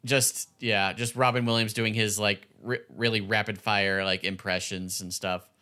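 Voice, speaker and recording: A man co-hosting a podcast, recapping a show casually in halting phrases full of "like". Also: fairly low pitch, level tone, pushed and bright. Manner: halting, filler-heavy phrasing with many "like"s. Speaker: podcast co-host.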